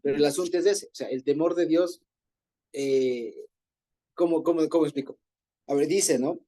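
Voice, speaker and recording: A man's voice: on the high side, moderate pace, mellow. A man leading an informal group Bible study, explaining Hebrew words in a conversational way and often rephrasing himself.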